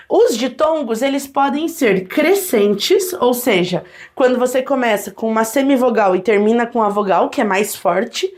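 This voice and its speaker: A woman teaching a Portuguese grammar lesson, talking straight to viewers and sounding out vowels and consonants for them to repeat. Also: a little high. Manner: lively, addresses viewers directly, models sounds aloud.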